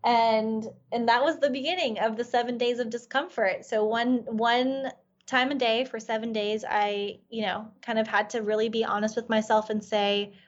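This life coach, a woman whose first language is Farsi, is telling a personal story on a podcast interview. Her high-leaning voice has fairly even intonation and a moderate pace, and she's earnest and reflective, using "you know" a lot; the recording sounds muffled.

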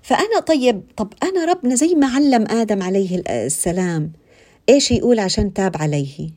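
A woman giving an informal religious talk, conversational and animated, repeating phrases and asking her listeners questions. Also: mid-range voice, a little fast. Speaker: religious speaker.

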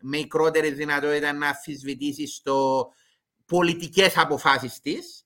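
A man's voice: fairly high pitch, fairly even intonation, a bit bright. A man with a Cypriot Greek accent giving explanatory commentary as an expert guest in an interview.

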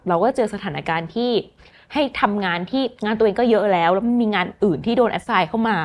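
A woman's voice: mid-range voice, brisk. A woman hosting a podcast, chatting casually and asking a teacher about phrases, laughing at herself. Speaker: podcast host.

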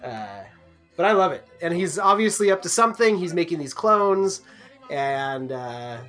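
A man's voice: on the high side, very animated, a little slow, fairly bright tone, faint music behind. A man co-hosting a casual TV podcast, enthusiastic and rambling, laughing often. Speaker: podcast co-host. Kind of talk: casual chat.

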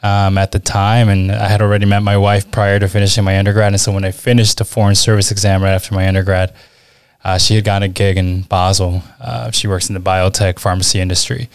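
Casual American guest in his thirties, low resonant voice, easygoing and chatty. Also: quick pace, clean tone, no room sound. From Washington, D.C. area, USA. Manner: relaxed, chatty, frequent ums and uhs. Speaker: guest, e-commerce manager. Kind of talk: casual interview chat.

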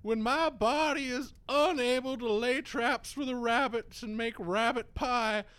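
An actor playing a very old, frail hermit who wails grandly and at length in flowery, theatrical comic audio drama style. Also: male voice, very high-pitched, a bit bright, clear, resonant tone. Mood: hospitable, rambling. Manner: grandiloquent, wailing, drawn-out complaints in flowery speech. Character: very old, frail, melodramatic male woodland hermit.

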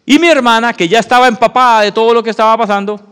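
A man preaching a sermon testimony, telling a story with animated acted-out dialogue. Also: very high voice, rapid-fire, clear, resonant tone. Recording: long hall reverb.

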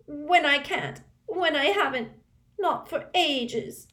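A woman reading aloud and voicing a sulky, self-pitying teenage girl ghost, whiny and shrill. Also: animated, takes it slowly, pushed and bright, heavily acted. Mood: tearful. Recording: roomy echo.

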